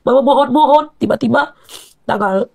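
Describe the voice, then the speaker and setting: A woman's voice: high voice, normal speed, gravelly, a little mellow. A middle-aged woman giving an emotional personal account in an interview, calling herself Mama and often addressing the host as Abang. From Indonesia. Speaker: interview guest, mother of the deceased.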